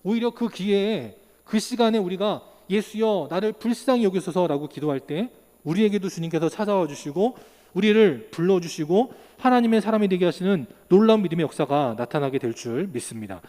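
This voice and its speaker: Male pastor, 30s, high and very expressive; acts out quotes mid-sermon; church hall reverb. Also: a little fast. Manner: animated preaching, acts out quotes, rhetorical questions. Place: church sanctuary.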